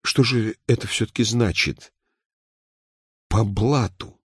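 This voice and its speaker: A man's voice: lowish voice, steady tone, moderate pace, a little mellow, no echo, studio quality, close to an everyday voice. A man voicing a timid, fussy townsman who speaks in a hesitant, bewildered way. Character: timid, fussy male lamp seeker.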